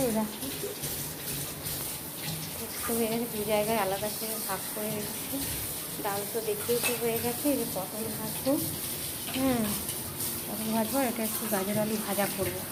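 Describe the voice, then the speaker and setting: A tired woman chats slowly and softly while she cooks in her home kitchen. Her voice sits a little high. Loud noise runs under the whole recording. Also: steady tone. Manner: speaks slowly and quietly. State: tired and unwell. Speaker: vlogger. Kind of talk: casual cooking vlog talk.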